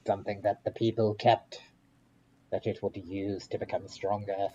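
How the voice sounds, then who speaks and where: Grumbling man, dark muffled voice. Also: on the low side, little pitch movement, normal speed. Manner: wry, grumbling, swears casually. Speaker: tabletop game player. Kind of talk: in-character game banter.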